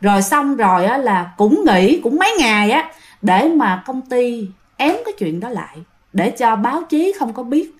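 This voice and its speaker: A woman's voice: on the high side, very animated, normal speed. A woman with a Southern Vietnamese accent telling a ghost story in a chatty way, speaking straight to her listeners. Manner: chatty, addresses listeners directly.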